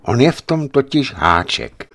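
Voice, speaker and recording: A man voicing a gruff, lovesick young giant who works as a watchman, speaking in a raised, loud dialogue voice. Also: medium pitch, sing-song, pitched above the performer's own voice, full character voice.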